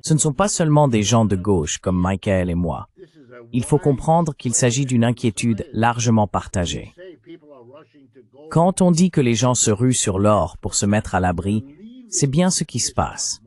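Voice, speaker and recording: A synthetic AI-generated male voice, mid-range and darkish with big pitch swings and an unhurried pace, reads a translated political commentary. The voice-over of a panel discussion comes across as explanatory and rhetorical.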